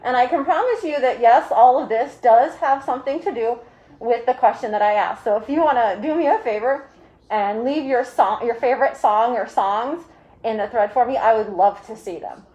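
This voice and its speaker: A woman with a fairly high voice chats casually on a livestream, speaking through a mask and face shield. She rambles in a friendly-host format, tossing in jokey asides as she goes. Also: normal speed, darkish tone, rough recording. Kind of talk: casual live video chat.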